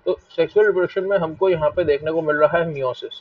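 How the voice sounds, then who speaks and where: A man's voice: on the high side, fast talker, no echo. A male biology teacher with a Hindi accent giving a live online class, repeating key points and asking his students questions. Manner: repetitive, asks students questions and scolds them to stop fighting. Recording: dull lo-fi mic, a bit distant.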